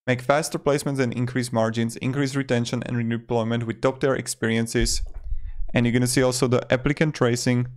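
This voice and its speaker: The speaker is a man in his twenties with a medium-pitched, flat, brisk delivery. As a video host, he narrates a casual review in loose wording, speaking close to a desktop microphone in a small indoor room.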